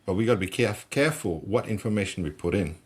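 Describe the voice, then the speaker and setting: Being interviewed against a noisy background, a middle-aged personal development coach from Malaysia talks at a quick pace with a fairly low pitch. His conversational stories are animated, and excitement often makes him restart words.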